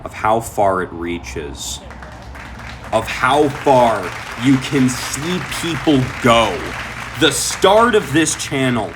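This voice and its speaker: A man's voice: mid-range voice, animated, takes it slowly, crowd noise. A young adult man chatting to his viewers while playing golf outdoors, in a casual, rambling way. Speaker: golf vlogger. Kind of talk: casual vlog commentary. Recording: outdoor noise in background.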